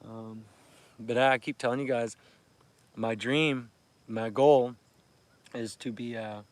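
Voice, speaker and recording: Talking slowly with a medium pitch and fairly even intonation, with no echo, this tired Canadian fishing streamer in his thirties keeps his voice down. He chats and laughs a lot with viewers over a phone livestream by a lake near a campsite at dawn.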